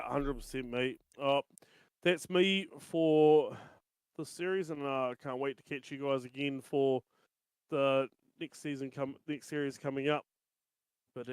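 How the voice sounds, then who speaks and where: A man's voice: mid-range voice, smooth, no echo. A man with a New Zealand accent chatting casually as a guest race commentator. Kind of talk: casual chat.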